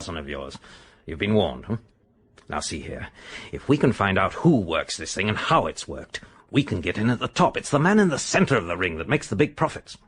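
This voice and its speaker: An actor playing a shady, suspicious English major, gruff and threatening, in a radio drama. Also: male voice, sits low, a bit bright, heavily acted. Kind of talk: BBC radio drama acting.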